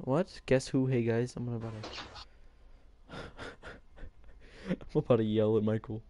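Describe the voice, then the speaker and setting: A young man giving live commentary on his own gameplay. He is excitable, swinging between quiet muttering and shouting at his teammates. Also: medium pitch, measured pace, a little hiss or hum. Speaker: gamer.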